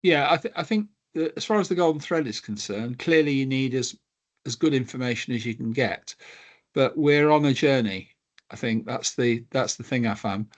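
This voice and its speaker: A man giving measured, informal advice during a meeting on a video call. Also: medium pitch, dull audio. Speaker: working group participant.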